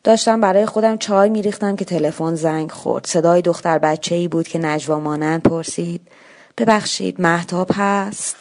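A woman narrating a short story in a measured, calm reading. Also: fairly low pitch.

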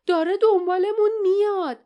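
A woman's voice: high-pitched, expressive, smooth, lo-fi sound, voice pushed up. A woman reading an audiobook, voicing a fierce teenage girl crying out in fear. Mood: frightened.

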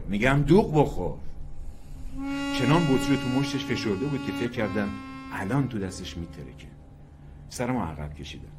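A man reading a short story aloud in a dramatic, expressive narration. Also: lowish voice, a little hiss or hum. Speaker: story reader. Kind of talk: scripted narration.

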